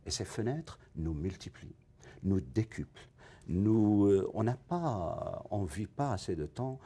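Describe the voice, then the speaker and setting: Gravelly deep-voiced man, thoughtful. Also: expressive, warm tone. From Africa. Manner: thoughtful, searching for words with many pauses. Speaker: novelist guest. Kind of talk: TV interview, reflective.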